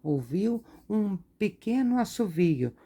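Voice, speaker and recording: A woman teacher reads from a textbook during an art lesson and explains each point slowly, with tag questions. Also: mid-range voice, sing-song, mellow, slightly rough.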